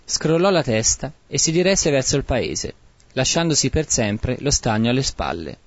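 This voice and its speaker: A man narrating a bawdy comic tale in a mock-solemn, lively way, in a dry, dull lo-fi recording. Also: mid-range voice, moderate pace.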